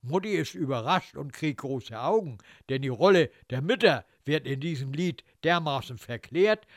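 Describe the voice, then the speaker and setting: A man narrating a literary story in a wry, expressive way, slipping into the thoughts of the characters. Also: medium pitch, no echo, clean studio sound.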